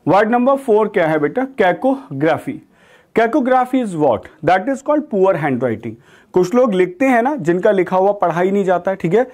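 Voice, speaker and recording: A young Indian man with an Indian accent runs an online vocabulary class for exam prep, speaking in a fairly high voice that rises and falls with lively movement. He addresses his students warmly as 'beta', and he slows right down when he reads English definitions aloud. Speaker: vocabulary teacher.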